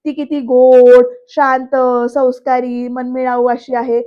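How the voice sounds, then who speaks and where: A woman's voice: sits high, level tone, slow, lo-fi sound. A woman voicing a teasing, bossy young man who needles his passenger. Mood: needling.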